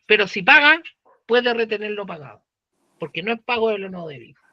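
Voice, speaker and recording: A man's voice: high-pitched, lively intonation, brisk, dry recording, lo-fi sound. A man with a Chilean accent teaching law, talking casually with slang and asking the class questions. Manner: conversational, uses slang and rhetorical questions. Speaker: law professor. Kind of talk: lecture.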